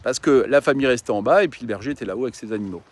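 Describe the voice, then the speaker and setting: Talking very fast in a mid-range voice, a coach and mountain guide speaks earnestly and informally to his followers. He uses lots of fillers and keeps restarting sentences.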